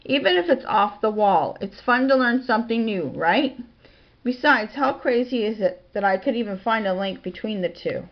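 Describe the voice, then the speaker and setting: A woman blogger talking quietly in a casual home vlog, reading out lists of titles and dates from her home office. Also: fairly high pitch, expressive, normal speed. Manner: soft-spoken, quiet delivery. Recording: dull lo-fi home recording.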